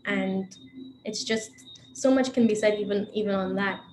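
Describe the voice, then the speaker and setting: A woman's voice: medium pitch, steady tone, normal speed. A woman from the Caribbean moderating a panel discussion, speaking in an earnest, gracious way. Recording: roomy echo with background noise.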